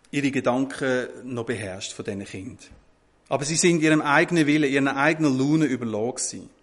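A man tells a sermon story in a chatty, lively way. His voice sits slightly high for a man, and he moves easily between the story and asides.

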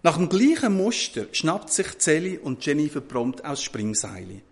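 Lively man telling a story. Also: a little high, normal speed, gravelly, slightly rough. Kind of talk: sermon storytelling.

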